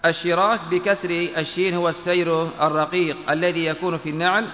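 A man giving a lesson, reading a classical text aloud in a measured, careful way, often repeating phrases to fix a slip. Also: fairly high pitch, level tone, sharp tone. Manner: measured, pedantic spelling out of vowels, repeats phrases when correcting. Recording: echoey room with long reverb.

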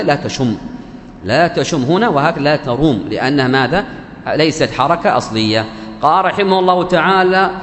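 A man teaching Quran recitation rules in a classroom lecture. He asks questions and answers them himself, repeats key terms, and slowly intones the verse lines he quotes. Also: a little high, fairly bright tone, slight background noise. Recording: echoey hall with faint background ambience.

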